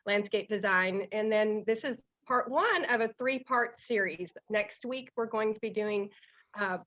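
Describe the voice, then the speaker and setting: A woman's voice: mid-range voice, a little slow, a bit bright. Woman presenter, nasal with a cold, chatty and filler-heavy, muffled call audio. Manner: casual, many fillers. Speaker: master gardener presenter. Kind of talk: online presentation lecture. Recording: slightly dull, lo-fi audio.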